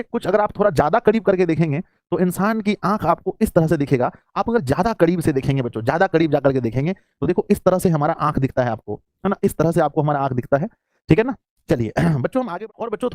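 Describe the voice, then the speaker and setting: A man with a Hindi accent teaches an online class at a rapid clip. His voice sits a little high, and he fondly calls his listeners "children" as he quizzes them. The recording is close and dry. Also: a little mellow, dry recording. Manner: affectionate, calls students "children", asks and answers his own questions.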